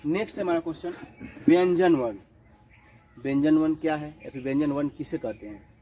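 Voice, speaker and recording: Male teacher, slightly high yet mellow voice, slow and repetitive, answers his own questions, mixes in English words. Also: low-quality recording. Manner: repeats each definition slowly, asks and answers his own questions. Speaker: school teacher. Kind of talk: classroom grammar lesson.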